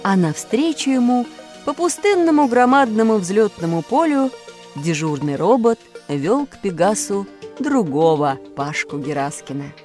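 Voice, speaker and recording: Expressive woman reading a children's story. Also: mid-range voice, a little slow, faint music behind. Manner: expressive, animated. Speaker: narrator.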